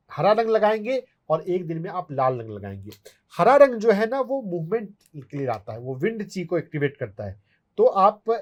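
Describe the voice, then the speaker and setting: A man's voice: on the high side, a little mellow. A man, an acupuncturist who explains health remedies step by step as he answers viewer questions. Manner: instructive, step-by-step, demonstrates on his hand.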